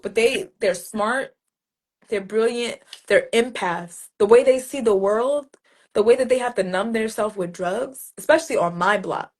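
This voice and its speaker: A woman talks freely in a casual interview, her voice sitting a bit high. She tells lively stories and slips into other people's voices to act out street greetings. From New Jersey, USA. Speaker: interview guest, poet.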